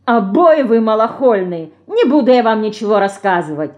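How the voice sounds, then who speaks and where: A woman voicing a sharp-tongued young village girl who scolds and chatters in rural dialect. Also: fairly high pitch, lively intonation, normal speed, muffled recording, lightly acted. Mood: grumbling.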